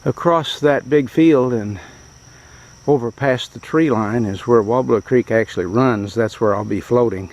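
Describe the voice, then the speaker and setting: A man narrating a fishing trip outdoors by a rural creek in a plain, matter-of-fact, unhurried way, speaking into a handheld camera. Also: medium pitch, a little mellow. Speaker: fishing vlogger. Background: insects and countryside ambience.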